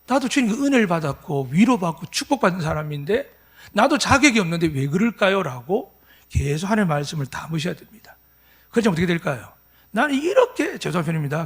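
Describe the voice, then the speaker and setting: A man's voice: high voice, a bit bright, husky. A pastor in his fifties preaching at a Sunday church service, emphatic and full of rhetorical questions to the congregation. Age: 50s. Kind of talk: sermon.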